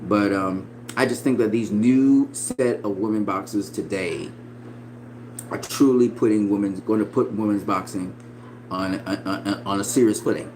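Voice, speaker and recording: A man in his forties giving casual, profane boxing opinions, swinging between loud emphatic bursts and quiet asides. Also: fairly low pitch, a little hiss or hum, low-quality recording. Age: 40s. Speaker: boxing commentator.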